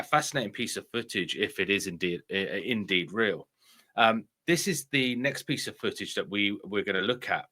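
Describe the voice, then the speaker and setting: Male host, low voice, bright forceful tone, casual commentary, halting repetitive phrasing. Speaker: video host.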